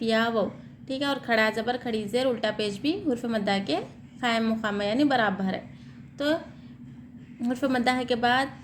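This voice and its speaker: A woman teaching Quran reading, asking questions and answering them herself, then spelling out and reciting words slowly. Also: on the high side, slight background noise. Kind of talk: step-by-step recitation lesson.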